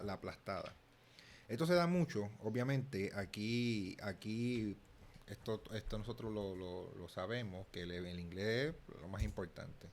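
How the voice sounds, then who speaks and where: A young Puerto Rican man with a Puerto Rican Spanish accent, talking casually as a channel host and often restarting his words. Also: fairly low pitch. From Puerto Rico. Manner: thinking aloud, frequent restarts and repeated words. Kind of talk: casual commentary.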